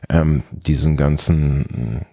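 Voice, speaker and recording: A man's voice: very deep voice, fairly even intonation, drawn-out words, gravelly, dark tone, breathy edge. A man co-hosting a casual tech podcast, explaining step by step with many hesitations and fillers. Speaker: podcast co-host.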